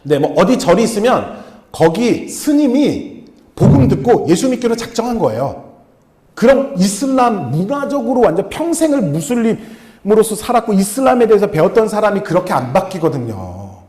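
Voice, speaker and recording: Animated male missionary preaching. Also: sits high, moderate pace, roomy sound. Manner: animated, acts out dialogue in changing voices. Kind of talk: sermon with personal storytelling. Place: church sanctuary.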